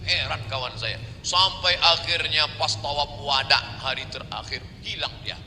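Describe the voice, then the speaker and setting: Man, sermon, high bright piercing voice, long hall reverb, faint background noise. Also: unhurried. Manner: animated, dramatizes stories and chants verses. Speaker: preacher. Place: large mosque hall.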